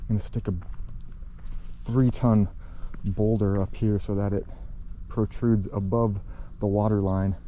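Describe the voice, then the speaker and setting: A man's voice: lowish voice, little pitch movement, measured pace, long pauses, muffled recording, noisy background. A man hosting his own channel, walking outdoors and talking casually, a little out of breath, rambling and correcting himself as he goes. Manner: rambling, self-correcting, offhand. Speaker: channel host. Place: outdoors by a pond.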